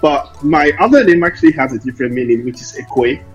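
A man tells his story as an interview guest, circling back and correcting himself as he goes. His voice is a little husky. The recording is dull and lo-fi, with music behind it. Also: a little high, brisk. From Lomé, Togo; later Ireland. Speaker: interview guest, investor and founder. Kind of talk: conversational interview answers.

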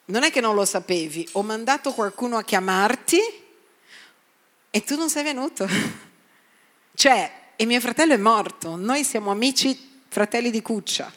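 A woman preaching a sermon in a lively way, acting out the people in her story and sometimes dropping to a hushed voice. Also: on the high side, normal speed, pauses often. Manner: animated, acts out quoted voices, drops to hushed tones.

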